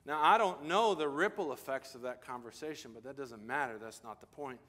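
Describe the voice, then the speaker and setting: A man's voice: mid-range voice, a little fast, a bit bright. A man preaching as a pastor, telling a personal story in an earnest, confessional way and voicing his own thoughts. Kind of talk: sermon storytelling. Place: church sanctuary. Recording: long hall reverb.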